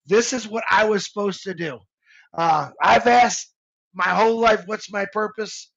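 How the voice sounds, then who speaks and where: A man in his fifties co-hosts a live stream, speaking casually, heartfelt and rambling, with plenty of restarts. His voice is high-pitched, unhurried, and gravelly with a fairly bright tone, and the sound is lo-fi.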